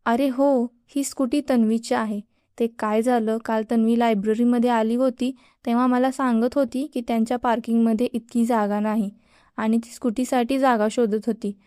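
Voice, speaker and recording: A woman's voice: on the high side, steady tone, normal speed, warm tone, smooth, no room sound, studio quality, close to an everyday voice. A woman voicing a firm, matter-of-fact middle-aged mother.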